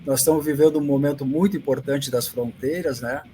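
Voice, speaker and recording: A man's voice: medium pitch, steady tone, fairly quick, mellow. A Brazilian-accented man hosting an interview in a casual, conversational way. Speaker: interview host. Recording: faint background noise.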